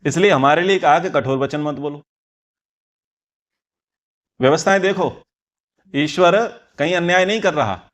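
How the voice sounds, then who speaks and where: A man's voice: fairly high pitch, normal speed, pauses often. A man teaching a scripture class, explaining earnestly and repeating key phrases for emphasis. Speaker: Vedic teacher.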